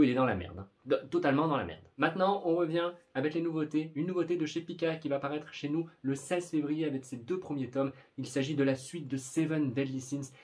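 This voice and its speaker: A man's voice: medium pitch, darkish tone. A young man chatting casually in a vlog about upcoming manga, rambling and often stumbling over his words. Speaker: manga YouTuber.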